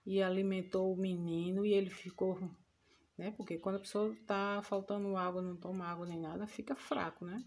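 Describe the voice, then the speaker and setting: A woman telling a Bible story to children, expressive and asking them questions. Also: medium pitch, a little fast.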